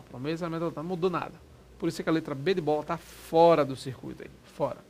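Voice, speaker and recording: A man teaching a Portuguese exam prep lesson in a lively, quick, informal way, often checking that the class follows. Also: a little high, a little hiss or hum.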